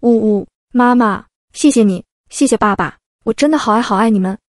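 A woman's voice: mid-range voice, quick pace, dry recording, clean studio sound, close to an everyday voice. A woman voicing a weepy, scheming teenage adopted girl with sugary, tearful pleading, in an audiobook reading.

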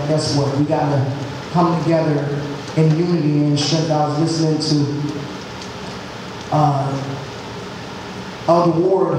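Uomo sulla cinquantina, voce alta, predica esortativa, ripresa lontana in una chiesa molto riverberante. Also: male voice, fairly high pitch, noisy background. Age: 50s. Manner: earnest, exhorting, repeats phrases. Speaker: lay preacher. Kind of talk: church sermon. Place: large church sanctuary. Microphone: handheld mic. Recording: echoey hall from far off.

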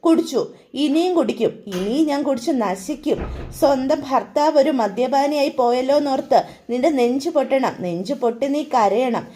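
A woman's voice: sits high, expressive, normal speed, warm tone. Woman doing a drunk taunting young husband. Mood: defiant.

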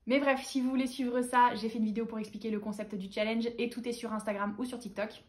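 A woman's voice: fairly high pitch, little pitch movement, fast talker. A young woman from France hosting a casual book haul chat, gushing with fan enthusiasm. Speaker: booktuber host.

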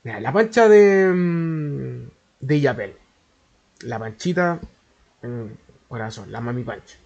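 A man's voice: medium pitch, animated, slow pace, gravelly, a little mellow, muffled recording. A man with a Chilean accent telling a story in a casual, slangy, profane way that rambles along. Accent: Chilean Spanish. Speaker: YouTuber.

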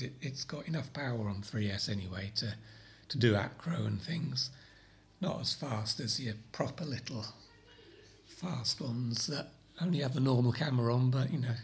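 A man with a croaky voice from a cold, casually explaining a fix in a hobby vlog, rambling with frequent ums and repeated words. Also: mid-range voice. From Britain. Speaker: drone hobby channel host.

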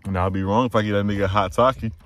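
A man's voice: fairly low pitch, steady tone, racing, no echo. A man filming a casual vlog, doting on a stray dog and talking to it in a fond, coaxing way outdoors. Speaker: vlogger.

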